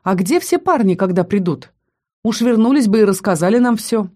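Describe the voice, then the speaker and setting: A woman's voice: medium pitch, animated, a little mellow, close to an everyday voice. Woman voicing a brash, impatient student girl. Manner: quick, offhand questions.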